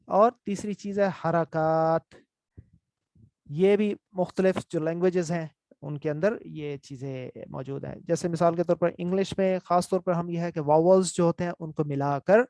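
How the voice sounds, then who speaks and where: Male teacher, gravelly and slightly high voice, patient and repetitive, dry close recording. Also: warm tone, dry recording. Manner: explanatory, repeats terms and checks understanding often. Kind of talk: online lesson with screen notes.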